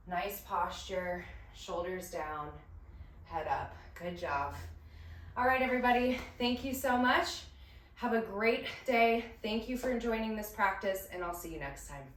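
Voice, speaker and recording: A woman's voice: mid-range voice, normal speed, far from the mic. A woman leading a pilates workout, cheering and counting reps while out of breath. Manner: upbeat coaching with counting and cheers. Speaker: pilates instructor. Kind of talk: cueing a workout class. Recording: roomy echo, voice from off the mic.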